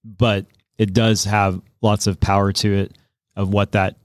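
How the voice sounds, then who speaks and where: Male podcast co-host, slightly low register, relaxed conversational explainer, studio setting. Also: a little slow, no room sound.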